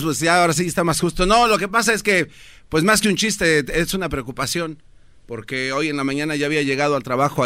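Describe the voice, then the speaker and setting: Flustered comic guy telling a bit, bright voice, dry mic. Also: a little high, no echo. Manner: flustered, pleading with the host. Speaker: comedian contestant. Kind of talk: comedy radio sketch, stand-up bit.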